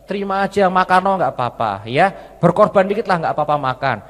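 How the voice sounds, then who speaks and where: Man doing a soft-spoken auntie, low and gentle, echoey hall. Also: animated, quick pace. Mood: persuading. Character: gentle older auntie giving calm advice.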